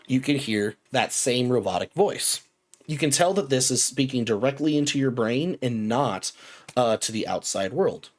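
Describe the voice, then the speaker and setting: A game master narrating a tabletop game casually, with lots of fillers and restarts. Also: mid-range voice.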